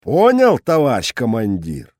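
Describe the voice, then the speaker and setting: A man's voice: mid-range voice, wildly swooping pitch, a little slow, darkish tone, no echo, clean studio sound. A man voicing a good-natured male sergeant major who talks in a homely, plain-spoken soldier's way in an audiobook. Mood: folksy. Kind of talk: audiobook character voice.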